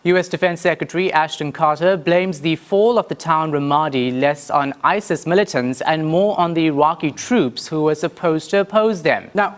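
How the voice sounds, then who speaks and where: A news presenter and reporter delivering news reports and putting questions. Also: mid-range voice.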